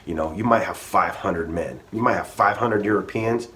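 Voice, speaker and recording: A low-pitched man tells a history story as a loose, profane rant. He stumbles and restarts, swearing as he goes, with a faint hiss of room noise under him. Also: normal speed, a bit bright. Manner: rambling, profane, restarts often.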